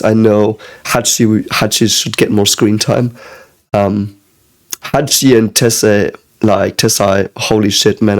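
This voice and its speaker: A man talking casually as he reacts to an anime, rambling with lots of hesitations and occasional swearing. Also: on the low side. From Germany. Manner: rambling, hesitant, with many fillers and frequent swearing.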